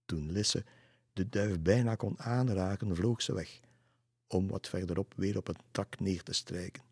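A man calmly reading a children's story aloud. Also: deep voice, unhurried, slightly rough, no echo, studio quality.

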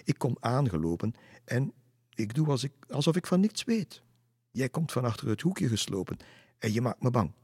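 A man's voice: low voice, expressive, normal speed, slightly rough, no echo, clean studio sound, exaggerated voice. A man voicing a brave, teasing young girl in a storybook reading, with a cheeky, mocking manner. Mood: scheming.

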